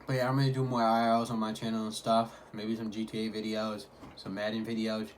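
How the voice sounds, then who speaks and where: A man's voice: fairly low pitch, completely flat delivery, quick pace. A man talking casually in a food vlog, hyping things up in repetitive slang. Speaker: mukbang vlogger. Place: at home. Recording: clearly noisy home recording.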